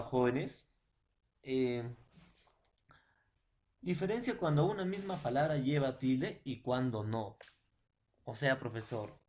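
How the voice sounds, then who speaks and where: Peruvian man teaching a class. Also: medium pitch. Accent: Peruvian Spanish. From Peru. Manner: repetitive, addresses students often, chants lists. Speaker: school teacher. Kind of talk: classroom lesson. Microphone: online class.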